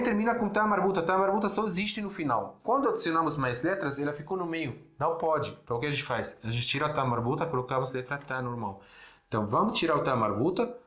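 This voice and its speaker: A man's voice: medium pitch, fairly bright tone. A man from Syria giving a casual language lesson. He explains patiently, repeats words and keeps checking in with the listener. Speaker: Arabic teacher. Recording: roomy echo.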